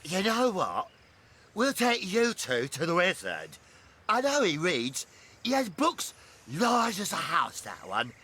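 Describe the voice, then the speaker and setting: An actor voicing a dopey, blustering, suspicious legion guard in a fantasy game, with a cartoonish bellow. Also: male voice, high-pitched, huge pitch swings, slow pace, slight background noise, exaggerated voice. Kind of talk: fantasy video game voice acting. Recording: loud music under the voice.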